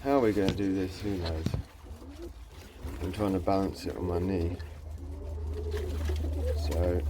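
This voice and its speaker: A man's voice: on the low side, background noise. A man keeping pigeons, chatting on a casual vlog and coaxing his birds in a raised, fond voice, with hesitant fillers. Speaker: pigeon keeper. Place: pigeon aviary. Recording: loud birds cooing behind. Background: pigeons cooing.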